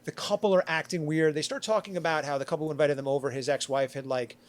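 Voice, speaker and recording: Guy rambling on a podcast, lots of likes and restarts, voice a bit on the high side. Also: steady tone, fast. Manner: rambling, filler-heavy retelling with acted quotes. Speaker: podcast panelist. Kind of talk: casual podcast chat.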